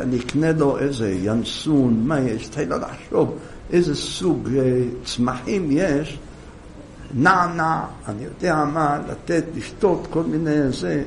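A man telling a moral story as a sermon, in an animated storytelling manner with a gravelly voice. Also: fairly high pitch, a little hiss or hum.

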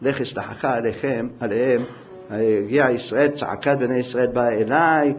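A man voicing God as a solemn, commanding male figure, speaking low and measured. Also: muffled recording, natural voice.

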